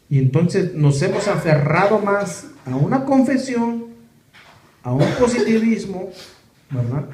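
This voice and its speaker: Recorded on a camera or phone inside an echoey church hall with faint noise, a pastor delivers a sermon filled with rhetorical questions for his congregation. His voice is fairly high with a darkish tone.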